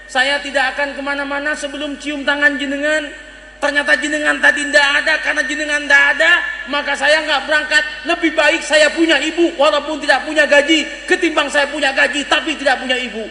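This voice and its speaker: Give me a man doing a polite young son, bright and tense, recorded in a reverberant hall. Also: extremely high pitch, flat delivery, brisk, exaggerated voice. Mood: pleading. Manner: polite pleading, soft-spoken. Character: poor devoted young son, humble and polite. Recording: echoey hall.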